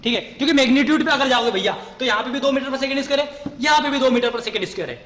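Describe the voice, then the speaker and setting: Male physics teacher, high voice, classroom lecture style, long room reverb. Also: a little fast, fairly bright tone, slight background noise. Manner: repeats questions and answers them himself, says "ठीक है" often.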